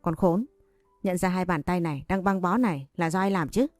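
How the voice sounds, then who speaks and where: A furious young man snarls coarse threats, read by a woman storyteller. The voice sits low and mellow over a faint music bed, recorded close and dry. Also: a little fast, no room sound, lightly acted. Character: angry young man, harsh, cursing.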